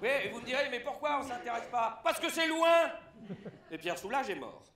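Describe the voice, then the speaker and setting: A man performing a satirical press review on stage, animated and breaking into shouted punchlines. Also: very high voice, fairly quick, echoey room, background noise. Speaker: stand-up satirist. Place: theatre stage.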